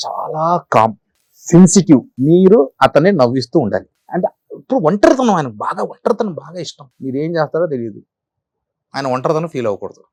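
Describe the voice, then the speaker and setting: A middle-aged man and comedian, telling animated stories in an interview, repeating phrases for effect. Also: on the high side, a little fast, dry recording. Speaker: comedian guest. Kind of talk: storytelling interview.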